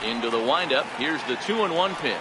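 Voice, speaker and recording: A man's voice: medium pitch, lively intonation, fairly quick, close to an everyday voice. A man giving baseball play-by-play commentary. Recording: very loud crowd and stadium noise.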